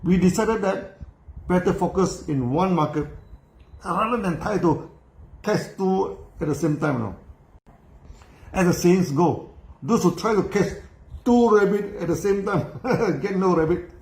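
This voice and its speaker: A man's voice: high-pitched, a little slow, long pauses, a little mellow. An older man with a Malaysian accent, telling the story of his company in a casual talk, dropping "no" and "you know" and chuckling as he goes. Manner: tag questions, frequent "no" and "you know", chuckling while telling. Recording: roomy echo.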